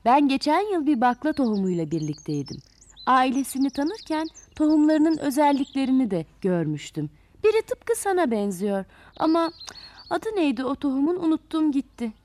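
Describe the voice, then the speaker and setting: A chatty know-it-all pea seed in a storybook, high-voiced and breezy, as a woman puts it on. Its speech rises and falls with lively swings. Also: moderate pace, a little hiss or hum. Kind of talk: storybook reading.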